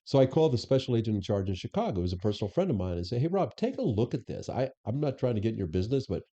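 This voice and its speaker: A man's voice: mid-range voice, sing-song, very fast, dark tone. A middle-aged man, a guest in an interview, telling stories in a casual way and acting out the lines people said to him. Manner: anecdotal, acts out quoted dialogue. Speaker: interview guest, former police superintendent. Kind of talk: conversational storytelling.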